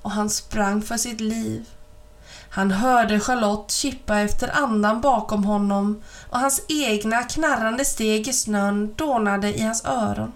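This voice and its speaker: A woman reading a children's story aloud as an audiobook, in even, clear storytelling narration. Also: on the high side. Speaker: reader.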